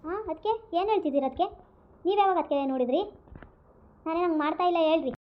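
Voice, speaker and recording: A woman's voice: extremely high pitch, quick pace, lo-fi sound, voice pushed up. A woman playing a defiant young daughter who protests and pleads when she is scolded. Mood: denying. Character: defiant young daughter caught in a secret romance.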